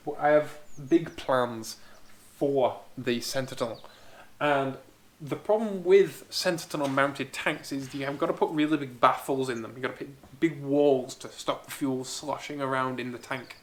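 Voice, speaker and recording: A man's voice: medium pitch, measured pace. A man who grew up in Spain, chatting enthusiastically as he answers viewer questions in a casual Q&A vlog about building a car. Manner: chatty, enthusiastic, thinking aloud. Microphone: small camera-mounted mic.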